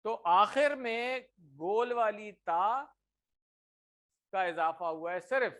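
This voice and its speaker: A man teaching a grammar class, drilling words slowly and often checking that his students follow. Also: high voice, fairly bright tone. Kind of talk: classroom lesson.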